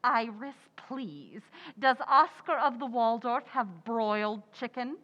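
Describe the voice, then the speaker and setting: High-voiced, overconfident radio housewife played by a woman. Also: lively intonation, slow pace. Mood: busy, confident. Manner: theatrical, breezy, bluffing. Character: stubborn, overconfident housewife who cannot cook. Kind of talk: old-time radio sitcom acting, live recreation. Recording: echoey hall, dull muffled sound.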